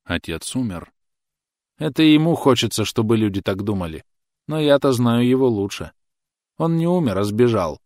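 A man's voice: mid-range voice, sing-song, moderate pace, a little mellow, dry recording. A man voicing a bitter, self-pitying mother who nags her grown son in a plaintive, reproachful way.

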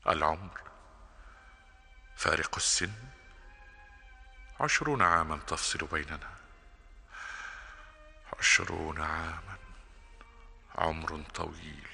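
An actor playing a lonely middle-aged clerk in a vintage radio drama, speaking Egyptian Arabic with a hesitant, stammering manner. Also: male voice, deep voice, creaky, sharp tone, heavily acted. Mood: brooding.

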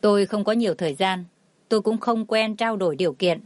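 A woman's voice: mid-range voice, fairly quick, darkish tone, no room sound, lightly acted. A woman reading a cold, haughty rich old lady. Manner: curt and dismissive.

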